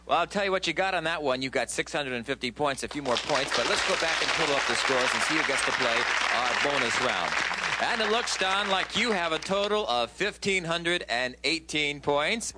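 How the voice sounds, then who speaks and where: A man's voice: on the high side, heavy background noise. A man hosting a game show, speaking upbeat and directly to contestants as he announces questions and results. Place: television studio game show set.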